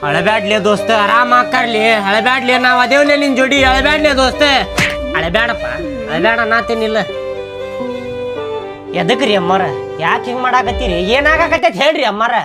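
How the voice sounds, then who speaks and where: A man with a North Karnataka accent in a comedy skit, bantering loudly and scolding with slang insults. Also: extremely high pitch, expressive, fairly quick, over loud music. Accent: North Karnataka Kannada.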